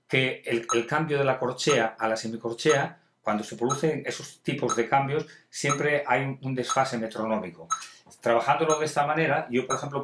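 A man's voice: mid-range voice, reverberant, a little hiss or hum. A male music teacher explaining rhythms in a homemade video masterclass, chanting rhythm syllables in time. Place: at home.

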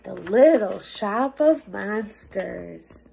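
A young adult woman with a medium-pitched, creaky voice reads a picture book aloud to children the way a teacher would, over some background noise. Her animated storybook delivery is theatrical, expressive and playful, with drawn-out words and hushed asides. She's indoors in a small office room.

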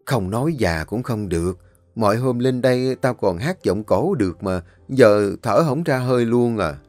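A man's voice: medium pitch, expressive, moderate pace, darkish tone, dry recording, faint music behind, close to an everyday voice. A man voicing an elderly woman, a cheerful, stubborn tea farmer. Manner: breathless, shrieking in panic.

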